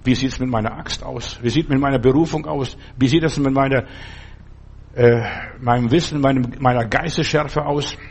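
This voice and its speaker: A man's voice: medium pitch, fairly even intonation, normal speed, vocal fry, husky. A man preaching a sermon and reading a Bible story, talking in an earnest, fatherly way straight to the listener.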